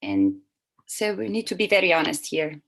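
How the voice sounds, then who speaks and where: Woman, live seminar interpreter, slightly low voice, halting delivery, frequent restarts, self-correcting. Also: sing-song, vocal fry, poor audio. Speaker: simultaneous interpreter.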